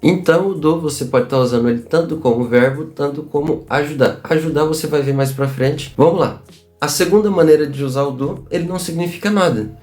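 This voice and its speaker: A man's voice: on the high side, a little mellow, soft background music. Upbeat Brazilian man teaching English. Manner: upbeat, chatty, repeats examples slowly. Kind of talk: casual online lesson.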